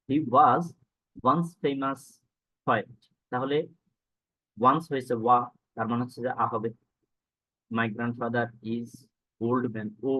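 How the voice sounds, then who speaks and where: A man teaching English grammar, patiently asking and answering his own questions and slowing down to read example sentences. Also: medium pitch, dry recording. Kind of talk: explaining grammar rules. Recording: dry, tinny phone-like sound.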